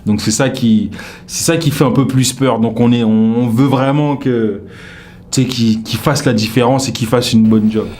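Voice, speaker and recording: Slight background noise accompanies this young comedian from France as he speaks in an interview at medium pitch and normal speed. Easygoing and wandering, he fills his speech with fillers, his Paris-suburbs accent carrying a touch of Québec.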